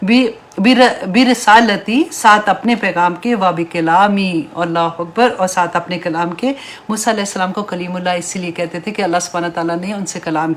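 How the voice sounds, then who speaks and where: A woman teaching a Quran tafsir class, reading Arabic verses and explaining them in Urdu, with an encouraging tone that often checks with her students. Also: mid-range voice. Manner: warm, encouraging teaching tone with tag questions.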